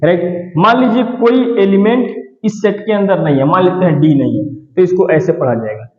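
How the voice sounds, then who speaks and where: A man's voice: high voice, normal speed, roomy sound, long reverb tail, dull audio. A man teaching a math lesson, explaining patiently and often ending his points with "right". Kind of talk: classroom-style lesson explanation.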